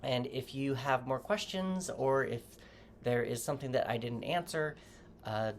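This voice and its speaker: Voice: medium pitch, measured pace, a little hiss or hum. A tarot reader giving a casual reading to camera, loose and rambling, often correcting themself while advising the viewer directly. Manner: gently advising, speaking straight to the viewer.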